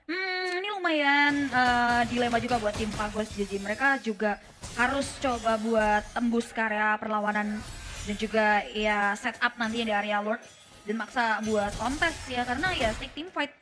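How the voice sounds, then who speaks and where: A woman's voice: fairly high pitch, normal speed, music in the background. A woman commentating live on a mobile game match, exclamatory and mixing in English interjections. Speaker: esports commentator.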